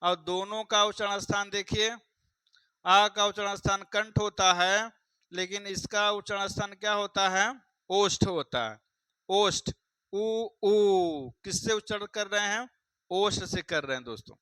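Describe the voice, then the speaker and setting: Male Hindi teacher, exam-prep lesson, bright clear voice, dry close sound. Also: high-pitched, normal speed, no echo, poor audio. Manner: repeats points, quizzes viewers, addresses them as friends.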